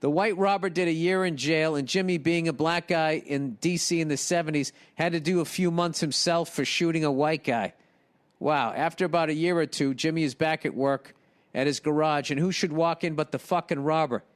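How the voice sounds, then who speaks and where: A middle-aged man, hosting a podcast, reading listener emails and riffing on them with profane, animated comedy. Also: fairly high pitch, moderate pace.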